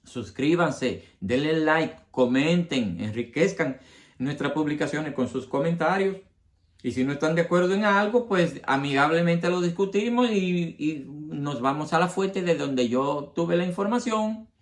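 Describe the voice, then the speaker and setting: A man's voice: fairly high pitch, lively intonation, unhurried. A man hosts a history channel. He talks straight to his viewers and lays out each point with examples. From Dominican Republic. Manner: addresses the audience directly, explains with examples. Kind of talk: explanatory talk to viewers.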